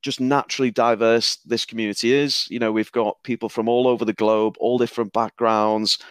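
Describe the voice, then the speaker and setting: A man with a Northern English accent hosts a casual podcast chat. His voice is smooth and clear, recorded dry and close. He talks loosely and often trips over and repeats his words. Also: mid-range voice, flat delivery, brisk, no room sound. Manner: chatty, stumbles and repeats words. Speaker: podcast host.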